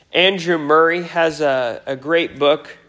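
A man's voice: on the high side, slow, a bit bright. A pastor giving a Sunday sermon, his voice nasal today, speaking earnestly with frequent restarts. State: nasal from a cold.

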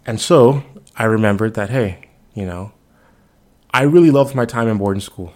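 Podcast host, twenties, from the Bahamas, lowish voice, easygoing and chatty. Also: male voice, moderate pace. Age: 20s. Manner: relaxed, conversational, with frequent fillers. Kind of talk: solo podcast introduction.

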